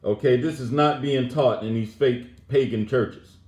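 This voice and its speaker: A man's voice: medium pitch, a little slow, darkish tone, echoey room. A man teaching a Bible lesson, emphatically reading scripture aloud and commenting on it as he goes. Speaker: religious teacher.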